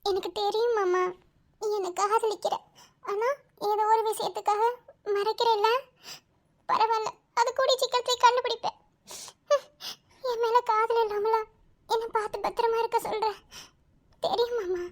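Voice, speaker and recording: A woman voicing a feisty, sharp-tongued young village woman in love, with a Madurai Tamil accent and teasing backchat. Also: extremely high pitch, steady tone, moderate pace, pauses often. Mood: tender. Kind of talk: cartoon voice acting.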